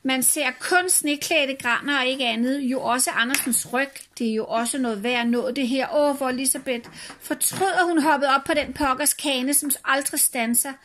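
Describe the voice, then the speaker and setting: Bright-voiced woman reading a story aloud. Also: high-pitched, hardly any pauses, slight background noise. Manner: warm and expressive, comments between passages. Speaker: family vlogger.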